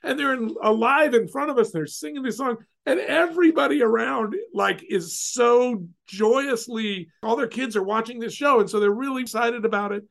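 A middle-aged man from California telling a personal story in casual talk, animated and acting out the voices of others. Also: very high voice, normal speed, creaky, hardly any pauses. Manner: animated, acts out quoted voices.

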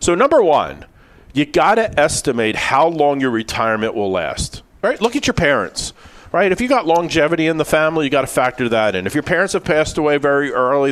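A man's voice: a little high, fairly bright tone. A man co-hosting a financial radio show, talking emphatically and repeating key words for stress. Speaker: financial advisor co-host.

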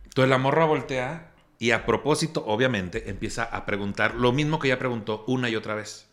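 A man's voice: mid-range voice, brisk. A man with a Mexican accent telling a comic story on a podcast, ranting and swearing freely. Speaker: podcast host.

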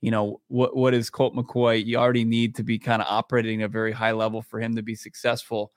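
A man's voice: fairly low pitch, completely flat delivery, fast talker, dry recording, clean studio sound. A man co-hosting a sports podcast, chatting casually and thinking aloud with frequent restarts. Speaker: podcast co-host.

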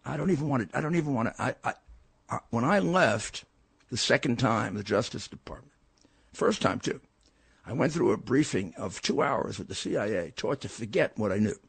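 An older man hosts a political talk show, delivering a blunt, combative commentary monologue with frequent stammered restarts. His medium-pitched voice is expressive, husky, and touched with vocal fry, at normal speed in a dry recording.

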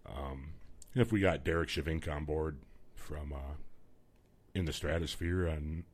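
An American man with a booming voice hosting casual live radio, chatting in an easygoing, joking way. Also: a little slow. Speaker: radio host. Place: small local radio studio. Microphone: studio broadcast microphone.

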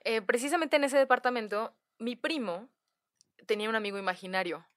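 A woman's voice: fairly high pitch, a little fast, a bit bright. A Mexican woman telling a family story on a casual podcast, acting out relatives' lines and laughing often. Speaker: guest storyteller.

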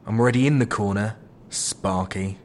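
A man's voice: lowish voice, moderate pace, a little mellow, a little hiss or hum, lightly acted. An actor with a British accent playing a lazy, sarcastic male captive, dismissive and drawling. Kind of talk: audio drama acting.

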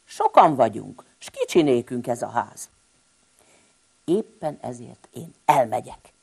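A woman voicing the youngest little boy hedgehog in a storybook tale, loud and exclaiming, with a husky voice. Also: deep voice, sing-song, heavily acted. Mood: exasperated.

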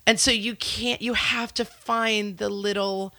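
A woman's voice: medium pitch, steady tone, a little slow, bright, forceful tone, no room sound. A woman in her forties chatting casually as a podcast co-host, her nose stuffed up with a cold and her manner wry and self-deprecating. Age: 40s. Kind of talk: casual chat.

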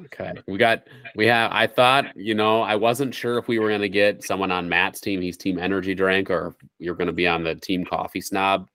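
Male host, very low voice, dry close sound, upbeat and chatty. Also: steady tone, normal speed, few pauses, fairly bright tone, no room sound. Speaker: podcast host. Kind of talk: casual interview chat.

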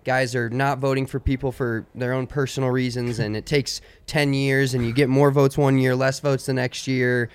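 A man chatting casually as a sports panelist, halting now and then and repeating words. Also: mid-range voice, little pitch movement, clean tone.

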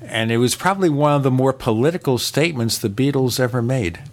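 A man's voice: medium pitch, fairly quick. A man hosting a podcast, chatting casually and asking his guest questions. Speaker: podcast host. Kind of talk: casual interview chat.

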